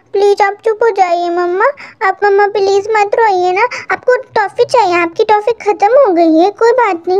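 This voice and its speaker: A woman's voice: very high-pitched, a little mellow, muffled recording. A woman voicing a grown man who talks like a small child, pleading and childishly threatening in a fan storybook reading.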